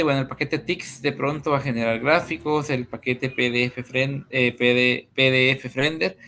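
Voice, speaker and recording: A man tutoring a coding class over a screen share, talking slowly with many pauses and fillers. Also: mid-range voice, a bit bright. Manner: slow and hesitant, many fillers.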